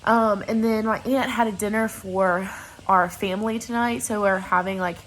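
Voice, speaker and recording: A woman's voice: mid-range voice, fairly even intonation, moderate pace, fairly bright tone, a little hiss or hum, rough recording. A young adult woman talking casually and candidly, like a vlogger chatting informally to her viewers. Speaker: vlogger, bride-to-be. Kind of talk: casual confessional vlog chat.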